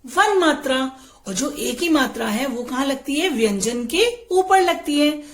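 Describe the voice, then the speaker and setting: A woman teacher leads a phonics lesson for young children in a high voice. She speaks slowly and patiently. She asks the class questions and says each word twice. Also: expressive, roomy sound, slight background noise.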